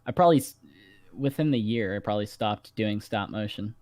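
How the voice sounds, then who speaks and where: A guest animator joins the stream, adding short, easygoing remarks about the entries. The voice sits at a middle pitch and sounds dry and close, with no room around it. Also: brisk, darkish tone, dry recording. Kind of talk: casual livestream chat.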